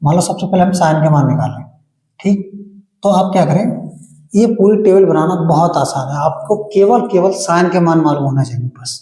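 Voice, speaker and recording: A man's voice: a little high, normal speed, dark tone. Echoey man teaching maths step by step. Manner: explains step by step, asks and answers his own questions. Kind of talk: classroom maths lesson.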